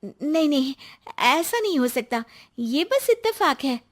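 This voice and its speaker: A woman voicing an earnest, trusting young wife in an animated story, quick to protest. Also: high voice, pitched above the performer's own voice.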